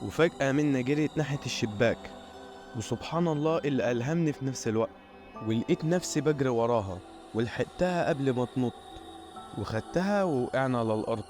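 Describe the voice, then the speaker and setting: A man with an Egyptian Arabic accent, narrating a scripted first-person horror story in a steady storytelling voice. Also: mid-range voice, fast, soft background music.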